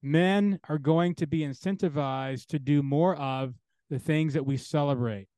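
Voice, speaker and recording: Brief: male interview guest, theologian, emphatic and insistent, stacks phrases in a row, fairly high voice, dry close sound. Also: measured pace, a little mellow, smooth, no room sound. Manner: emphatic, builds points through repeated parallel phrases. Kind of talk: earnest interview talk.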